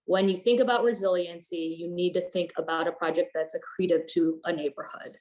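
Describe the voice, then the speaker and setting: A woman's voice: lowish voice, steady tone, a little fast, darkish tone. A woman representing a neighborhood group, presenting design principles in a conversational way with fillers. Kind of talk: online presentation.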